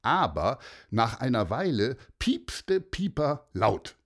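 A man narrating a children's story in an expressive, playful way. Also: mid-range voice, slow.

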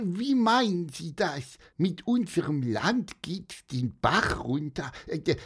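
A woman's voice: medium pitch, breathy edge, exaggerated voice. A woman voicing a small, curious creature who asks hesitant questions in a children's audio story.

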